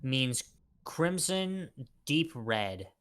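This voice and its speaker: A man with a medium-pitched voice talks with friends over a tabletop game. He is casual and joking, swearing freely as he banters. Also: sing-song, very slow, fairly bright tone, clear, resonant tone. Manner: profane, bantering. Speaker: tabletop role-play player. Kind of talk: casual joking group chat during a game.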